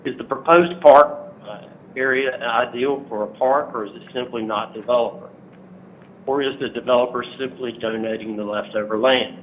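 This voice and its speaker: Over a tinny phone line with a bit of faint noise, a resident addresses a public hearing, earnestly reading his prepared remarks and often pausing on "uh." His voice is mid-range, fairly even in intonation, and paced at normal speed.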